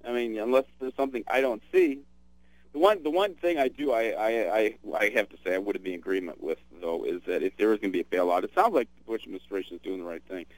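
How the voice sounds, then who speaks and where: A man's voice: lowish voice, quick pace, no echo, rough recording. A man hosting a radio talk show, chatting casually about politics with many fillers and restarts.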